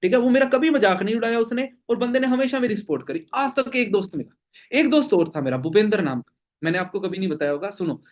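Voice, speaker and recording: A man's voice: sits high, animated, fast talker. A young man leading a team meeting, answering questions emphatically with rhetorical questions and frequent check-ins. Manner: emphatic, full of rhetorical questions and "theek hai?" tags. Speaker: network marketing team leader.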